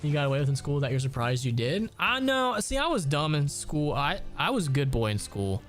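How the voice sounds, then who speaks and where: A man's voice: a little high, huge pitch swings, brisk, faint music behind. A man in his late twenties from Ohio, chatting casually and profanely while gaming on a stream. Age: late 20s. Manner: rambling, profane storytelling.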